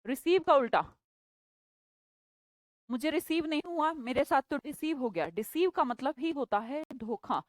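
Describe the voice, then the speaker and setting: A woman's voice: sits high, expressive, unhurried, long pauses, no room sound. A woman teaching English vocabulary in a live online class, chatty and playful, teasing her students by name.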